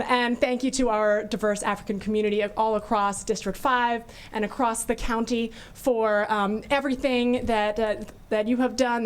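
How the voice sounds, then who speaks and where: A woman's voice: on the high side, slight background noise. A woman council member giving grateful public remarks at a council session, with many fillers.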